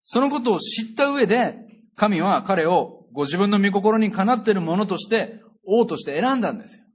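A pastor preaching a sermon in a conversational, earnest way, with emphatic sentence endings. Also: male voice, high voice, breathy edge. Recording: dull lo-fi recording.

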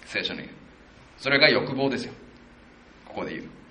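Man preaching a sermon, bright and echoey. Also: fairly quick, a little hiss or hum. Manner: animated, acts out quotes of the people with shifts of pitch; conversational, with self-corrections and fillers. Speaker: pastor. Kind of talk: sermon, verse-by-verse Bible exposition.

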